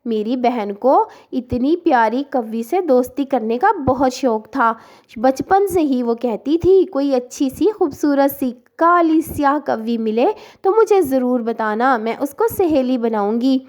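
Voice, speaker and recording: A woman voicing a scheming, sweet-talking female kite bird in a cartoon story, coaxing her prey with gushing flattery. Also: sits high, unhurried. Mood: flattering.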